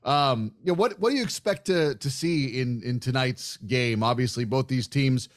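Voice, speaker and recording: A man with a mid-range voice hosts a sports podcast at a moderate pace. His casual interview talk wanders in a chatty way, like a laid-back broadcaster in conversation.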